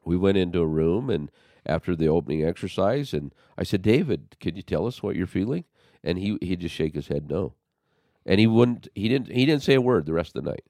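Deep-voiced man telling an animated story. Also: brisk, dry recording, clean studio sound. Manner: animated storyteller, acts out quotes. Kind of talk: storytelling in casual conversation.

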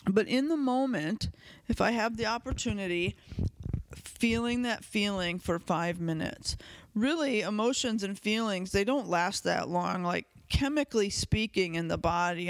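A man's voice: high voice, a little slow, fairly bright tone, slight background noise. A man hosting a podcast, talking candidly through a reflective self-help monologue, casual and conversational with fillers and the odd swear word. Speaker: podcast host.

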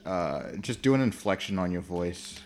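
A young man co-hosting and editing a casual podcast, dry and quick to laugh. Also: low-pitched, lively intonation, a little mellow, slight background noise. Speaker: podcast co-host and editor. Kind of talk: casual chat.

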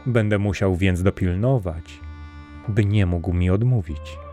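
A gentle, earnest young prince, as a male narrator reads him, speaking calmly and with courtesy. The voice sits deep and low. Faint music plays behind this storybook reading. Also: unhurried. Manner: calm, courteous and sincere.

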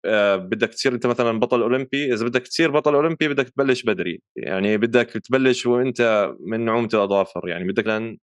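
A man with a Levantine Arabic accent talks quickly in a smooth, resonant voice, recorded close and dry. He explains his points conversationally as a podcast co-host, mixing in English terms. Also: medium pitch, no room sound. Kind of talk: casual chat, explaining.

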